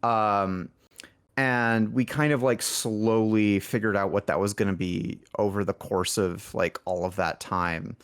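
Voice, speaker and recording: This podcast guest, a man who develops indie games and leads their music, has a fairly low, steady, clean-toned voice and talks a little slowly. In the relaxed interview his speech is informal and rambling, often interrupted by his own mid-sentence shifts.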